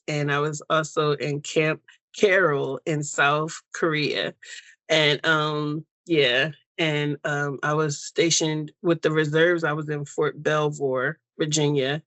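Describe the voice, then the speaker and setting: An American woman as an interview guest, speaking in a reflective, unhurried way with many pauses and fillers over a video call. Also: deep voice, a bit bright, dry recording. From United States. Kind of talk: personal story interview.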